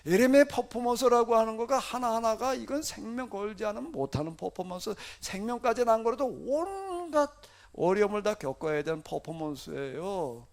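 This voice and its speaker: A man's voice: high voice, big pitch swings, a little fast, gravelly. A male pastor preaching a sermon in a conversational style, asking the congregation rhetorical questions and acting out laments.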